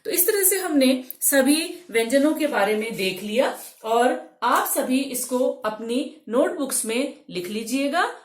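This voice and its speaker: A woman's voice: a little high, echoey room. A woman teaching a language lesson, explaining patiently step by step and correcting herself now and then.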